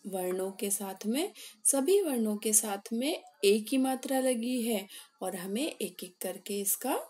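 A woman teaching a children's class, asking questions and repeating drawn-out words for her young pupils. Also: a little high, expressive, dark tone. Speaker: primary school teacher. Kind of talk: slow classroom lesson.

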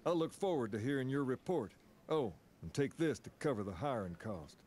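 A man playing a cool, self-assured gang boss in a video game, speaking in a measured, authoritative way. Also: mid-range voice, very animated, darkish tone, close to an everyday voice. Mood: cool, serious. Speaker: gang leader giving quests. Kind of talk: video game character dialogue.

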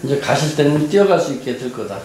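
Very fast-talking man in an echoey room. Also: fairly high pitch, animated, a crowd in the background. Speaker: clinician questioning a patient. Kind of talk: clinical questions and explanations. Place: small clinic room, indoors. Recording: roomy clinic with clear background noise.

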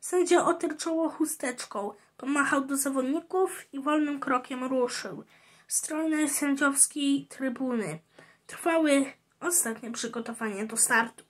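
A woman reading a children's storybook aloud, halting, with slips and restarts. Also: sits high. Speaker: reader.

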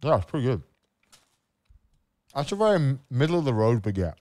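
Mocking young man, very animated. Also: mid-range voice, brisk, no room sound. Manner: mocking, bossy, needling questions. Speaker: stream co-host. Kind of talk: casual stream banter.

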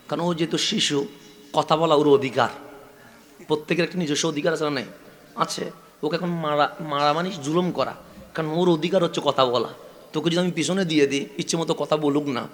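A preacher from Chittagong with a Chittagonian accent delivers a sermon at a religious gathering in a high, bright, ringing voice. He keeps turning to the crowd with rhetorical questions and repeated call-and-response lines. His delivery swells into loud, stretched-out climaxes. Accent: Chittagonian Bengali. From Chittagong, Bangladesh.

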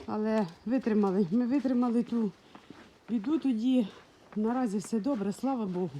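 A high-pitched woman from Ukraine, chatting casually on her vlog while out in a frosty yard. She coos and baby-talks to her dogs, recorded on a handheld phone with faint noise behind her. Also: normal speed, mellow. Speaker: dog breeder.

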